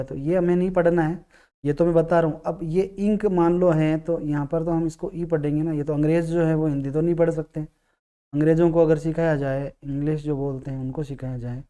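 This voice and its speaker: A man teaching English grammar, explaining patiently, repeating key words and sounding out vowels slowly. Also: a little high, mellow, clean tone. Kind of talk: classroom-style explanation.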